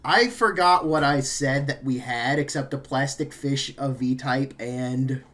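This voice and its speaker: A man's voice: mid-range voice, a little slow, a bit bright. A man running a tabletop game as game master, casual and rambling, laughing often and correcting himself mid-sentence.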